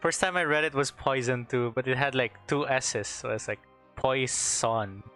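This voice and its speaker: A streamer reacting to a game cutscene, excitable and laughing often. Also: mid-range voice, a little fast, faint music behind.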